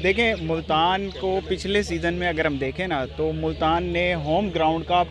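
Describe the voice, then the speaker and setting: A man's voice: on the high side, fairly even intonation, moderate pace, crowd noise. A man, a sports journalist, speaking confidently into a handheld mic at an outdoor stadium. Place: outdoor cricket stadium at night.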